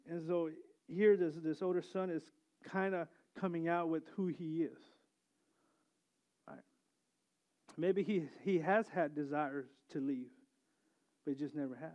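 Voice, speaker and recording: A man's voice: a little high, dark tone. A man preaching a sermon in a conversational way, often restarting phrases and asking his listeners "right?". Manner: conversational preaching with frequent restarts and tag questions. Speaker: pastor. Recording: muffled lo-fi sound.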